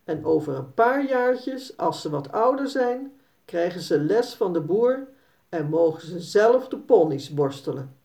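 Slow, mellow woman reading a children's story. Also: lowish voice, big pitch swings, creaky. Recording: dull, slightly distant recording.

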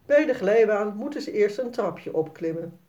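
A woman narrating a children's story read aloud in a clear storytelling manner. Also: medium pitch, expressive, normal speed, mellow.

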